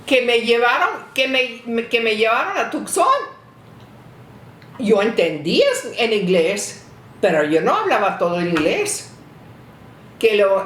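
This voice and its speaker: An older woman telling family memories in an interview, halting and restarting her sentences. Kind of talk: reminiscing storytelling. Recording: roomy echo, faint rumble.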